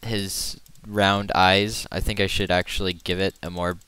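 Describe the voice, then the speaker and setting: An artist narrates a screen-recorded drawing as he works, rambling casually, poking fun at himself and humming now and then. His voice is low-pitched and sharp-toned, with a flat, measured delivery. The sound is clean with no room sound.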